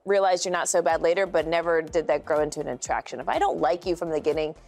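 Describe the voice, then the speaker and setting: A woman's voice: low voice, quick pace, gravelly, a little mellow, soft background music. A woman co-hosting a talk show, asking questions and moving the segment along in an upbeat way. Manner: inquisitive, upbeat.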